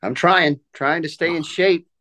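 A man's voice: fairly high pitch, a little slow, bright, forceful tone. A man in his mid-forties talking casually as an interview guest. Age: 40s. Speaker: guest, professional golf caddy.

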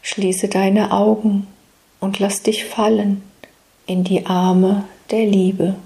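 A woman speaking as a spiritual meditation guide, soothing and intimate, addressing the listener solemnly and tenderly with long pauses. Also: mid-range voice, monotone, dark tone, rough recording. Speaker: spiritual meditation guide delivering channeled messages.

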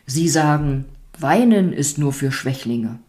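A grey, sighing spirit of sadness speaks hesitantly and quietly, as a woman puts her on in a storybook reading. The voice sits low with a soft, dark tone. She sounds worn down and mistrustful. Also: lively intonation, slow pace. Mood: weary.

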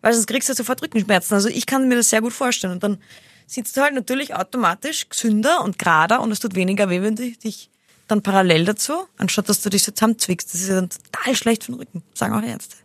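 A woman's voice: fast, no echo. A woman, co-hosting a podcast in casual, chatty talk. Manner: chatty, animated, breaks into shrill impressions. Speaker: podcast co-host. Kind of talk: casual chat.

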